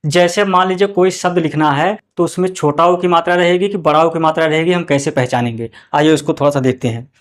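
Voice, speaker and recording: A man teaching young pupils how to read vowel signs. He asks questions and answers them himself, and draws out each example word slowly. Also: a little high. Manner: slow and drawn out on example words, repeating each twice. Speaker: Hindi teacher.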